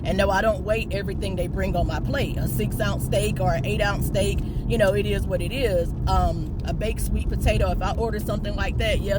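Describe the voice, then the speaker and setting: A vlogger ranting casually to followers in an emphatic, defensive and blunt way, swearing at times. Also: mid-range voice. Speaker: fitness and diet vlogger. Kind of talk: casual vlog rant to followers. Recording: clear vehicle and outdoor background noise.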